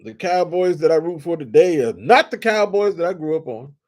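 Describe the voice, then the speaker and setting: Excitable older man from D.C. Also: fairly high pitch, fairly quick. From Washington, D.C. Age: 60s. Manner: animated, shouts with excitement, drawls and stretches words. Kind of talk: casual storytelling monologue.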